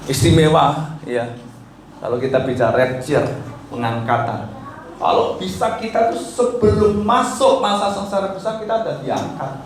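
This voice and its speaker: A man's voice: a little high, normal speed, a little hiss or hum. A male pastor preaching a sermon, urging listeners with rhetorical questions and rising, emphatic lines. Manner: exhorting, asks the congregation rhetorical questions. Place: church hall. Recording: echoey hall, mic from far off.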